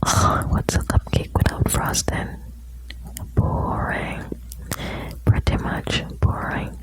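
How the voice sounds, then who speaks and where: A woman whispers right beside the listener's ear in a soothing, intimate ASMR style, moving at a slow pace. As the host, she reads out short quotes and chats softly with the listener.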